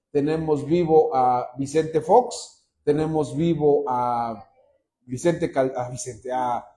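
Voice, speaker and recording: A man with a Mexican accent preaching a sermon from a church pulpit, telling stories in an animated way and acting out quotes. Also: on the high side. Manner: animated storyteller, acts out quotes. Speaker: pastor.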